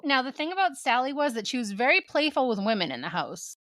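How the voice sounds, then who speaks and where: A woman co-hosting a casual podcast, retelling a haunting with light laughter and voiced quotes. Her voice sits a little high. The recording is close and dry. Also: big pitch swings, fast, fairly bright tone, no echo. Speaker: podcast co-host. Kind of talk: comedic storytelling chat.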